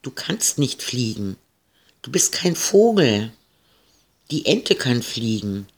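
A man's voice: fairly high pitch, lively intonation, takes it slowly, fairly bright tone, voice pushed up. A man voicing a stern but caring housemaid woman who scolds firmly. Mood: scolding. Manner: scolding, firm.

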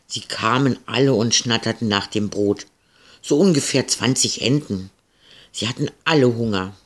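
Guy reading a kids story real slow, gentle, mid pitch.

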